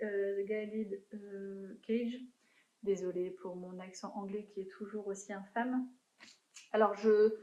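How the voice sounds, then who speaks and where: A young woman talks through her recent reads in a relaxed, chatty way, often pausing on fillers and restarting her sentences. Her voice is warm and mellow, sitting at an ordinary middle pitch. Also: roomy sound, rough recording. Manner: chatty, hesitant with frequent fillers. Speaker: book vlogger. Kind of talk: casual book review chat.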